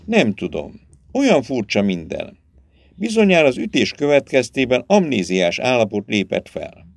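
A man's voice: mid-range voice, sing-song, no echo, clean studio sound. A man voicing a frightened, bewildered young woman. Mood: fearful, bewildered. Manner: hesitant, fearful, halting.

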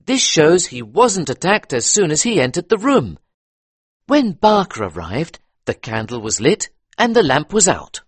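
A man voicing a brisk, talkative male police inspector in a read-aloud detective story, with a raised, eager delivery and a husky edge. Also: fairly high pitch, sing-song, no echo, voice pushed up, exaggerated voice. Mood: explaining. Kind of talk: audiobook character reading.

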